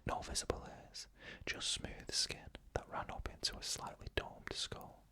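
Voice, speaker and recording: Here an ASMR storyteller reads spooky stories narrated in the first person. It is all a soft, breathy whisper with no voicing, paced slowly and with measured phrasing.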